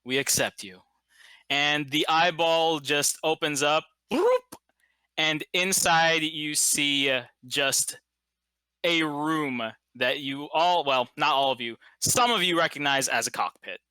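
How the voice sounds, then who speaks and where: A man narrating as game master of a tabletop game, in a casual, halting way with many fillers. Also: fairly high pitch, bright, forceful tone, clean tone, dry recording.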